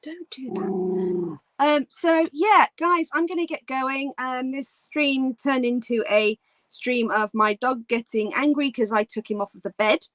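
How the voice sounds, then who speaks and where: A woman's voice: high-pitched, steady tone, a little slow, fairly bright tone, no room sound. A woman casually chatting on a livestream from her bedroom at home, rambling with frequent ums and restarts. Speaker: livestream host.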